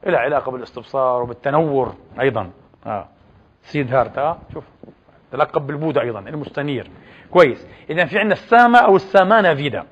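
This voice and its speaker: A man giving a lecture on religious history, who keeps posing quick rhetorical questions and answering them himself. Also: fairly high pitch, lo-fi sound.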